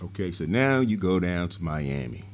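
A man's voice: deep voice, sing-song, normal speed. A man hosting a podcast in casual chat, laid-back with playful interjections. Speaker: podcast host.

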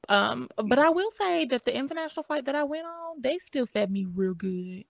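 Relaxed woman podcaster. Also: high-pitched, normal speed, gravelly, dry recording. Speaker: podcast co-host. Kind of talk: casual movie discussion chat.

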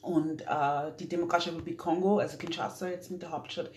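A young Austrian woman chats earnestly as a guest in a casual interview, with lots of fillers and restarts. Her voice sits low, her tone is steady, and she talks fast. The recording has an echoey room and a faint hum.

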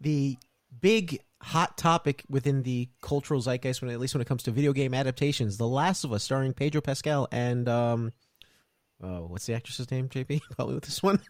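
A man's voice: medium pitch, moderate pace, no echo, studio quality. A man hosting a casual podcast who laughs often and opens with a formal announcer greeting. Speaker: podcast host.

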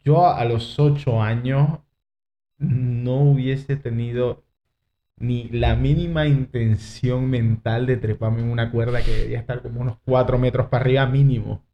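A man's voice: medium pitch, unhurried. Man hosting, muffled sound. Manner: relaxed, curious follow-up questions. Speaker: podcast host. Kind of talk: casual interview. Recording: muffled lo-fi podcast audio.

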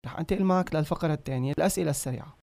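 A man's voice: on the high side, racing, vocal fry, over loud music. A man with a Lebanese Arabic accent asking casual questions as an interviewer.

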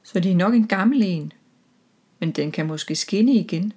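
A chatty seal explains what it found in the sea in a friendly way, as a woman reads it aloud. The voice is fairly low and relaxed, like a storybook being read. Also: breathy edge. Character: helpful seal who collects shiny things.

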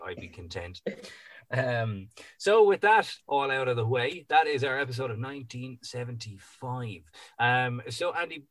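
A man's voice: medium pitch, no room sound. A man hosting a podcast, chatting casually in a rambling way with plenty of ums. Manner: easygoing, rambling with many ums. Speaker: podcast host. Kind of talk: casual podcast chat and sign-off.

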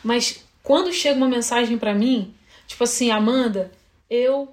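A woman's voice: on the high side, normal speed. A woman speaking emphatically in casual conversation, using slang and repeating words when she gets going. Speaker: campaign organizer and podcast guest.

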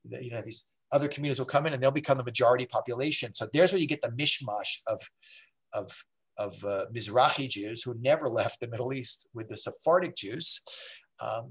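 Rabbi explaining history conversationally. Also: male voice, medium pitch, fast, slightly rough. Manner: digressive, with frequent fillers and restarts.

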